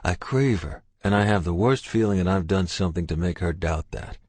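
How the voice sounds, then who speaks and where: A man with a very deep, low voice narrates a romance audiobook in the first person, gruff and intense. The read is dry and close with no room sound. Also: fairly quick, a little mellow, no room sound.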